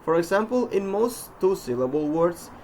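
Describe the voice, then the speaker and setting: A man teaching English pronunciation in a recorded lesson, speaking deliberately and slowing down to model each example word. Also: high voice, big pitch swings, a little mellow, slight background noise, poor audio. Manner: deliberate, demonstrates sounds slowly with example words.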